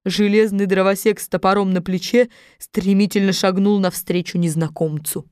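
A woman's voice: medium pitch, dry recording, studio quality. Woman reading a children's storybook. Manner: measured, expressive reading. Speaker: audiobook narrator. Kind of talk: scripted storybook narration.

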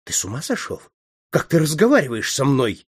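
A man's voice: huge pitch swings, fairly quick, breathy edge. A man voicing a proud, middle-aged aristocratic countess who cries out shrilly in an audiobook reading. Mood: indignant. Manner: shrill, crying out.

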